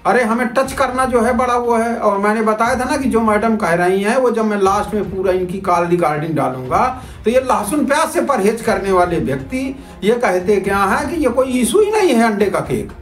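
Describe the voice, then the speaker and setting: Presenting a video report as a citizen journalist, a high-voiced man talks fairly fast and animatedly, barely pausing. He argues informally with his viewers, repeats himself, and asks rhetorical questions, while music plays beneath a roomy echo.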